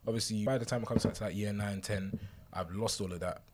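A man's voice: fairly low pitch, fairly even intonation, quick pace. A man in his twenties with a South London accent, chatting casually and telling stories in slangy, joking style on a group podcast. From South London, England. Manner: slangy, conversational, jokey storytelling.

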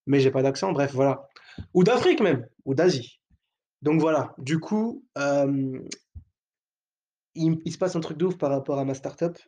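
On his own podcast, a young adult host talks casually and provocatively by himself, cracking crude jokes with plenty of hesitations and filler words. His medium-pitched voice is gravelly and slightly rough yet a little mellow.

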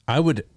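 A man's voice: no room sound, clean studio sound. A man co-hosting a podcast, joking and thinking aloud in casual chat. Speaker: podcast co-host.

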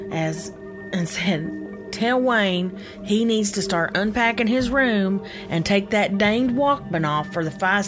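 Low-voiced storytelling woman over music. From United States (Indiana, Kentucky). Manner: folksy, descriptive storytelling. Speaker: podcast host and storyteller. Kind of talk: scripted personal narration, ghost story memoir.

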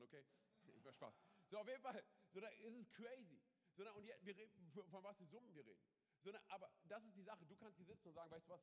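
Pastor, male, animated sermon delivery, quick talker, long hall reverb. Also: a little high. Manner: animated, with dramatic swings from loud to hushed; mixes in English catchphrases. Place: large church hall.

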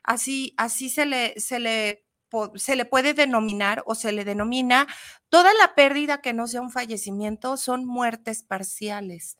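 A woman's voice: fairly high pitch, a little slow, a bit bright. Woman co-hosting, hesitant. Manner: thinking aloud with hesitant restarts. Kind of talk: radio talk show.

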